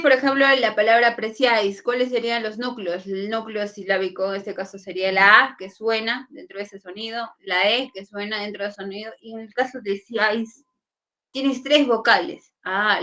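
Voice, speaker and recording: A woman with a medium-pitched, fairly bright voice teaches a classroom lesson. She keeps asking her students whether they're following along.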